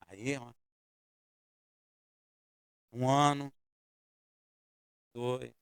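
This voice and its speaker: A man's voice: a little high, clear, resonant tone, no echo, clean studio sound. A man preaching a sermon as pastor, telling a personal story and speaking directly to his congregation. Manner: storytelling with shifting loudness, addresses congregation directly. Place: church.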